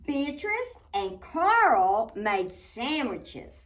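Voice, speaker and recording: Far from the mic, a high-voiced woman gives an animated read-aloud of a picture book for children. Her voice swoops and stays lively, and she takes her time, with dramatic pauses and small asides to the kids.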